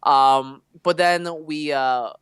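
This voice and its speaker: A young man co-hosting a podcast, telling animated, rambling stories in casual chat with lots of fillers. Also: mid-range voice, slow. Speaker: podcast co-host.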